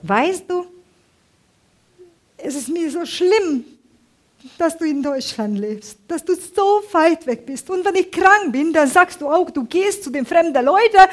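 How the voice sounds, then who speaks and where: Woman doing a shrill, hurt sister, voice pitched way up. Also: lively intonation, unhurried. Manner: shrill, scolding. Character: sick sister, angry then tearful.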